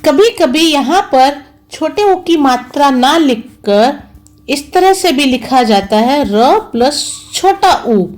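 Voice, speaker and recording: Woman schoolteacher for a children's online class; high, animated voice, slow, patient, spells out every syllable. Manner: slow, careful, spelling out each sound and syllable; patient, repeats each word twice. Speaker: school teacher. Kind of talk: online Hindi lesson for young children.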